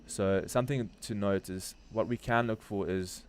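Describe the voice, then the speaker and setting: A man's voice: lowish voice, fairly even intonation, normal speed, slight background noise. A man with a South African accent giving casual live market commentary as a stream host, informal and slangy as he thinks aloud. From Durban, South Africa. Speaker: crypto trading livestream host.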